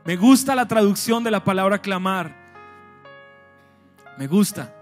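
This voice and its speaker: A male pastor preaching a lively sermon to a large church congregation, with bursts of shouting and acted-out scenes. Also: sits high, measured pace, soft background music. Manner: animated preaching, shouts and acts out scenes with humor.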